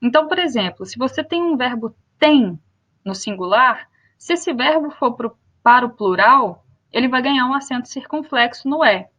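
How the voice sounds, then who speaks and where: Repeating every example word slowly and clearly, a young woman with a Brazilian Portuguese accent leads a grammar lesson. Her voice is a little high, a bit bright and animated.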